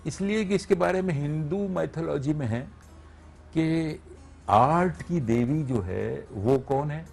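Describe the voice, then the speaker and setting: A man's voice: fairly high pitch, takes it slowly, gravelly, a little mellow, husky, soft background music. A man, a radio voice artist, explaining his craft step by step as a guest on a TV morning show and checking that he is understood. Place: TV studio.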